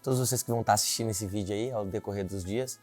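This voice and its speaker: Young man, fast speech, mellow voice, earnest, faint music behind. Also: lowish voice. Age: 20s. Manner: earnest, religious, many filler tags. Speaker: city council candidate. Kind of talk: interview, telling his life story.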